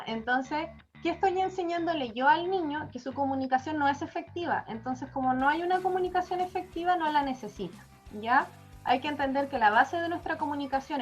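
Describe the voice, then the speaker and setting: High-voiced Chilean woman explaining. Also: a bit bright. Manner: checks in with a frequent "¿ya?". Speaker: speech therapist. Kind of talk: explanatory parenting advice talk.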